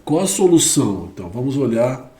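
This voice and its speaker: A man's voice: medium pitch, big pitch swings, brisk, warm tone, echoey room. A man with a Brazilian Portuguese accent gives a live church teaching on addiction recovery. He explains step by step, repeats his points and drops in exclamations.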